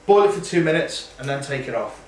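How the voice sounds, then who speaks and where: A man in his thirties hosts a casual home cooking show, chatting away while he works at the stove in his kitchen at night. His voice is on the high side, expressive and a little fast. A camera mic across the room gives a roomy, distant sound.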